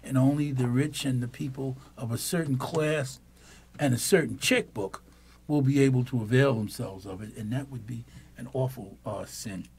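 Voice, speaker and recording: An older radio host muses at length and speechifies into a boom-mounted studio mic in a small studio. His mid-range voice, at normal speed, is a little mellow and slightly rough, with vocal fry.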